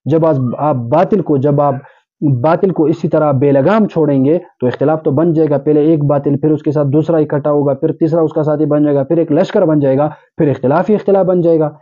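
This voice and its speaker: A man's voice: on the high side, steady tone, dark tone, lo-fi sound. A man delivering an earnest sermon, exhorting listeners and explaining with everyday examples. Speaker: Islamic preacher. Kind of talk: urdu sermon.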